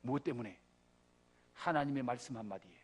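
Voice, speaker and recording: A man's voice: medium pitch, fairly quick, breathy edge. A middle-aged male pastor preaching a sermon. He tells the story dramatically, acting out the dialogue, and builds to emphatic points. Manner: dramatic, acts out dialogue between God and Moses. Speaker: senior pastor.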